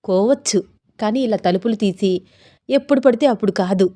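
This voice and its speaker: A shy, flustered young wife, protesting coyly in a mid-pitched voice, as read by a woman storyteller. Her lines come quick and bashful in a storybook romance. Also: dark tone, lightly acted. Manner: protesting, coy.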